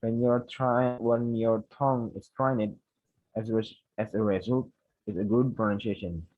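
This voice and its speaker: A young man from Indonesia with an Indonesian accent, a student giving a class presentation, reading prepared points haltingly and correcting himself. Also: fairly low pitch, steady tone, dry recording, phone-quality sound. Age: young adult.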